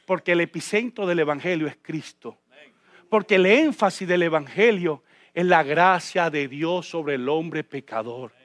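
A male pastor delivering a sermon in church, addressing the congregation with rhetorical questions and swinging between hushed low passages and shouted high points. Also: a little slow, no echo.

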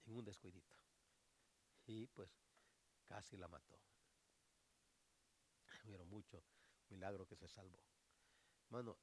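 A man, a pastor, preaching a sermon in a church, moving between quiet storytelling and loud exhortation. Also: gravelly. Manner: swings from low murmur to shouted exhortation. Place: church sanctuary.

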